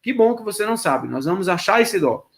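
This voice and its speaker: A man's voice: sits high, big pitch swings, fairly quick, gravelly. A man giving a lecture on choral rehearsal technique, speaking to students and singing solfège syllables as examples. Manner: sings solfège syllables to demonstrate; addresses students directly, instructive. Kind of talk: lecture with sung solfège demonstrations.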